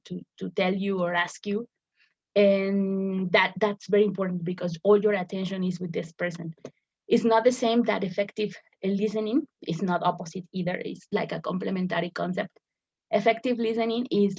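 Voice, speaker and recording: A woman's mid-range, slightly mellow voice comes through a dull, lo-fi recording. She's an English teacher walking through a lesson step by step, often repeating words while she searches for the right phrasing.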